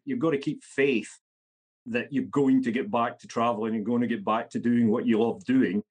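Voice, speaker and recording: In a podcast interview, a guest from Scotland, a man in his fifties, gives blunt, matter-of-fact answers. He has a mid-range voice that's a little mellow with a breathy edge.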